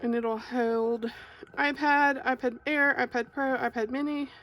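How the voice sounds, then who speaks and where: A woman from Arkansas unboxes items on video, filming with a phone clamped overhead, which makes for a rough recording. As a craft creator, she chats casually and a bit hesitantly in a high-pitched, slightly bright Southern voice. Her intonation is fairly even and her pace unhurried.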